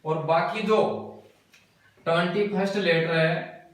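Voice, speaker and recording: Male teacher with a fairly high voice, standing back from the mic in a very echoey room, explaining step by step. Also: steady tone, slow, far from the mic. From India. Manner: explains step by step, repeats key words and asks himself questions. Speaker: English teacher. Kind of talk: classroom lesson explanation.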